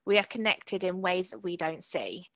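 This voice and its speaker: A woman's voice: lowish voice, animated, moderate pace, no room sound. A woman co-hosting an art podcast over a video call, talking through her artwork in a rambling, reflective way with lots of fillers. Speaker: podcast co-host and artist. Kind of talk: casual talk about her artwork.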